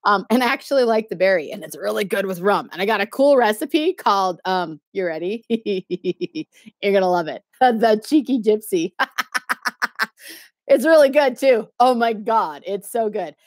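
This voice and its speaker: A woman's voice: medium pitch, expressive, unhurried, no room sound, clean studio sound. A middle-aged woman chatting casually on a livestream, sassy and snarky, laughing often and filling gaps with lots of ums. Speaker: YouTube live streamer.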